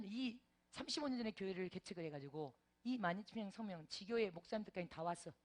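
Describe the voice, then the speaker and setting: A middle-aged woman preacher telling a vivid testimony in a sermon, with many exclamations and interjections. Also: mid-range voice. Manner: animated storytelling with frequent interjections.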